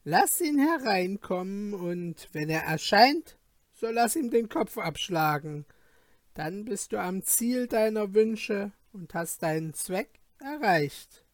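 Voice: mid-range voice, animated, slow pace, no echo, clean studio sound. A reader doing a scheming vizier. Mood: cold. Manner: insinuating and persuasive. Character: scheming flattering male vizier.

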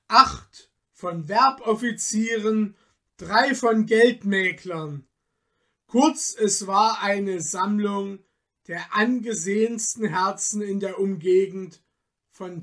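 A man narrating a storybook in a calm, measured, quiet manner. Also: high-pitched. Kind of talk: storybook reading.

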